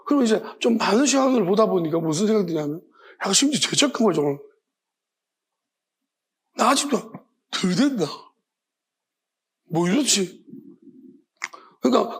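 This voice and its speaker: A man's voice: high-pitched, big pitch swings, fast talker, husky. A man preaching a sermon at a Friday worship service as pastor, in a conversational and impassioned way, asking the congregation questions and often restarting his sentences.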